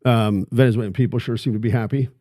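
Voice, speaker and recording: A man hosts a casual interview podcast and teases his guest with joking questions. His voice sits at a middle pitch. The sound is dry, with no room echo. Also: fairly even intonation, fast, mellow. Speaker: podcast host.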